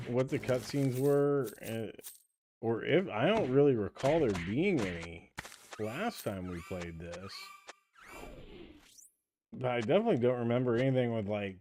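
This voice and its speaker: A man streams a video game with casual, bemused commentary. His mid-pitched voice moves around a lot as he halts and restarts, with clear noise on the mic. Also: expressive, mellow. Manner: bemused, halting. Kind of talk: casual live gameplay commentary.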